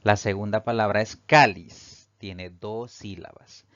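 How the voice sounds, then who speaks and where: Man teaching, methodical repeated explanations, low voice, muffled lo-fi sound. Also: a little slow, no room sound. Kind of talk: grammar lesson.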